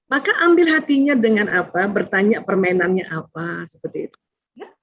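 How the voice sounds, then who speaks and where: A middle-aged woman, a doctor, giving gentle religious parenting advice and answering a caller's question. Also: mid-range voice, very animated, a little fast, dry recording. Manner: gentle, explains with Quranic recitation and translation. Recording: dull lo-fi sound.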